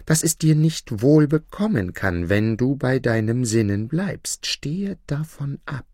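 A man's voice: animated, a little slow, dry recording, studio quality. Man putting on a sly, wheedling devil. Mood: vexed. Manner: higher, soft, wheedling delivery. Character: sly male devil, smooth and evasive.

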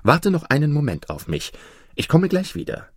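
A man's voice: on the high side, moderate pace, no room sound, studio quality, voice pushed up. A man voicing an eager young apprentice thief. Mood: alarmed. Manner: excited, pleading.

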